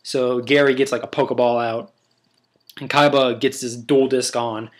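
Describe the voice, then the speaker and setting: A man's voice: mid-range voice, little pitch movement, normal speed. A young man hosting a casual video, talking in a crude, rambling, joking way. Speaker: video host. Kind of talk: casual vlog commentary.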